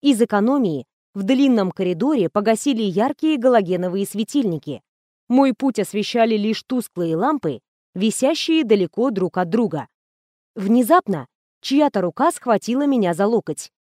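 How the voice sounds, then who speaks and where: A woman reading an audiobook in first person with an even, expressive delivery. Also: medium pitch, moderate pace, no room sound, studio quality. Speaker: audiobook narrator. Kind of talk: scripted narration.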